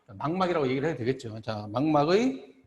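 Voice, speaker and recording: A middle-aged male professor lecturing at a board. He pauses often, repeats phrases and keeps checking that the class is following. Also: mid-range voice, animated, darkish tone, muffled recording, slight background noise. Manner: halting, repeats phrases, asks "그죠?" for agreement. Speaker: optometry professor. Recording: echoey classroom with long reverb.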